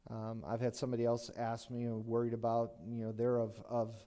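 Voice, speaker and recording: A man's voice: mid-range voice, completely flat delivery, fairly quick, dark tone. Male pastor, middle-aged, mid-range voice. Chatty, folksy sermon delivery with plenty of restarts. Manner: conversational and folksy, with frequent restarts.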